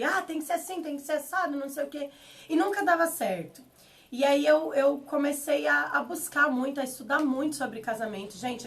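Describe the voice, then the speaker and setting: Paraná lady pastor chatting, high voice, sits back from the mic. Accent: Paraná Brazilian Portuguese. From Paraná, Brazil. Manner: talkative, expressive, laughs easily. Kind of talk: casual chat. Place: pastor's office. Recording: voice a bit far from the mic.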